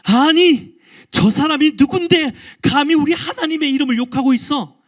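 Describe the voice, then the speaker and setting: A man's voice: extremely high pitch, normal speed, pitched above the performer's own voice. A man acting a fiery, indignant shepherd boy. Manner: exasperated, rising indignant questions.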